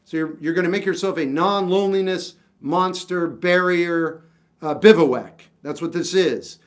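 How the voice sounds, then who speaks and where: His voice sits high and moves a little slowly. In his fifties, he chats casually on a livestream, giving viewers rambling, self-deprecating advice with lots of restarts.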